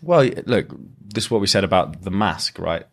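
A man's voice: sits low, animated, normal speed. A man, a lyricist, talking reflectively as a podcast guest and explaining his ideas at length with frequent restarts. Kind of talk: reflective conversational interview.

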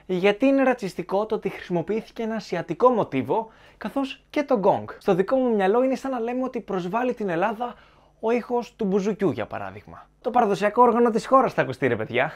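A man's voice: sits high, expressive. Sarcastic man giving opinionated commentary. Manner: argumentative and sarcastic. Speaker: film commentary YouTuber.

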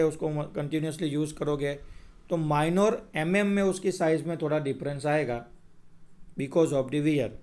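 A man's voice: on the high side, a little mellow. A man with a Gujarati accent lecturing over slides, explaining steadily and often checking whether students follow. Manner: explains in Hindi mixed with English terms, checks "clear?". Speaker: teacher. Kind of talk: screen-recorded lecture.

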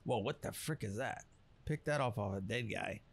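A gameplay streamer mutters to himself as he plays, giving casual commentary in folksy, slangy speech. His voice sits on the low side, creaky and husky, at a normal speed.

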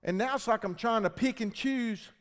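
A man preaching a sermon, swinging between loud shouting and low, intense talk. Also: normal speed, clean tone. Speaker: pastor. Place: church hall. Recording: long church reverb.

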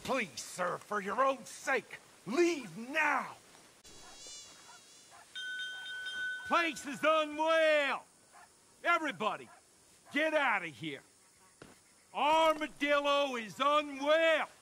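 An alarmed Old West town crier for a video game. He calls out urgent warnings very high and very slowly, stretching his cries. The voice is bright and forceful, over faint outdoor noise. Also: sing-song, exaggerated voice. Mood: urgent pleading. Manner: town crier's loud, drawn-out calling out.

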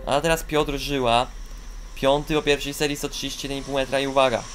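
A man giving sports commentary on a ski jumping video game, jumping into high excited shouts on big jumps and slipping into fillers and restarts. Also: brisk, soft background music.

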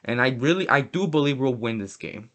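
A man's voice: mid-range voice, animated, fairly quick, a bit bright. A young man hosting a casual football prediction show, chatty and prone to correcting himself as a fan. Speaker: host. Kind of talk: casual sports prediction talk.

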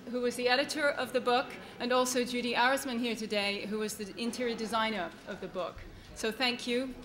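Her voice is a little high and bright, her tone forceful, as she addresses a book launch event at an institutional venue. She speaks live as the author, sounding emphatic, earnest and thankful.

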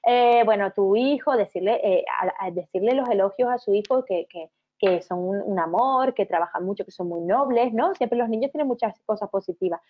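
A woman with a Canarian Spanish accent, in her thirties, giving an online lecture to teachers and parents, breaking into warm, sing-song quotes of how to talk to children. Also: medium pitch, fairly quick, few pauses. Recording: tinny phone-like sound.

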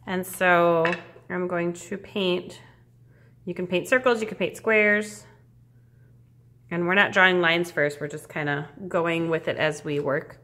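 A woman art teacher with a creaky, lowish voice leads a casual step-by-step demonstration, sounding encouraging, reassuring and informal. Her tone is steady and fairly bright, and she speaks unhurriedly.

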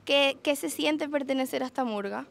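A woman's voice: high-pitched, normal speed, vocal fry, a little hiss or hum. A woman working as a TV reporter, teasing and joking with the people she interviews and laughing often. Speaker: TV reporter interviewing carnival group members. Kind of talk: playful street interview.

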